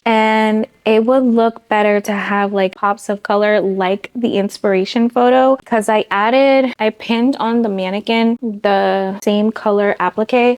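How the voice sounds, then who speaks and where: A woman's voice: medium pitch, a little mellow. A young woman talking casually in a sewing vlog, chatty and rambling, tired and a little out of breath. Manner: chatty and rambling, lots of "like" and "so yeah". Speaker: sewing vlogger.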